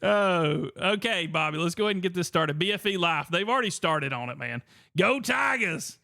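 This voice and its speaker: Upbeat male podcast host, high bright voice. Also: a little fast, vocal fry. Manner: energetic, reads chat aloud. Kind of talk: casual livestream chat.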